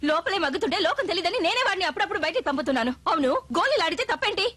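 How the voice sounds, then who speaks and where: An actress playing a doting, outspoken old grandmother who scolds her son in a dubbed family film, talking in an emphatic, lively way. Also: extremely high pitch, racing, no room sound, exaggerated voice. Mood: scolding. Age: older. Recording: film dialogue over music score.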